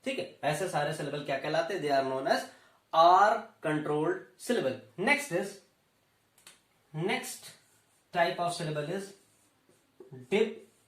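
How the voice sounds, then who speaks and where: A man with an Indian accent giving a lecture, explaining slowly and repeating key terms as he moves between Hindi and English. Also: a little high, animated. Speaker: teacher. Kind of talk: classroom lecture. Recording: roomy echo, voice from a distance.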